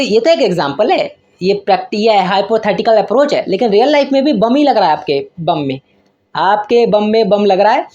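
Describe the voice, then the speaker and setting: A man's voice: extremely high pitch, darkish tone. A man giving casual career advice to his viewers in a raw, unedited video, joking, slangy, and calling them brother. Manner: self-deprecating, rambling with restarts. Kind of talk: casual motivational talk to camera.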